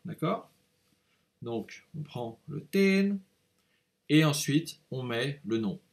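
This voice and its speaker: A man's voice: medium pitch, a bit bright. A man teaching a language lesson, patiently explaining and repeating words aloud to show each tone.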